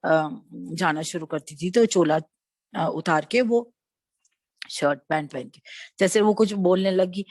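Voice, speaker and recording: A woman retelling a devotional experience in a lively storytelling way, mixing in English phrases. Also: on the low side, a little slow, no room sound. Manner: lively anecdotal retelling, acting out quoted voices; switches between Hindi and English mid-sentence. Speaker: devotee sharing a personal experience. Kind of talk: satsang storytelling.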